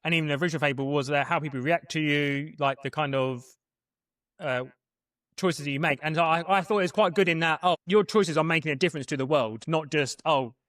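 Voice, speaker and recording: Recorded in a clean studio with no echo, a young podcast co-host speaks in a slightly high, fairly bright voice. His casual chat is fast and rambling, full of restarts.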